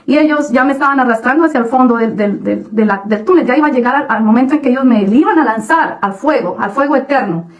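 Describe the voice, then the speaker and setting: A woman giving a personal religious testimony, halting often with restarts and fillers. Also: sits high, rough recording. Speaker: testimony speaker.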